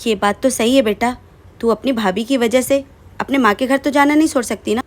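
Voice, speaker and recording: A stern middle-aged mother-in-law, acted by a woman for a family drama skit, laying down orders in plain rustic village speech. Her voice sits a touch high, and she clips her words into short commands. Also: brisk, close to an everyday voice. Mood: kindly.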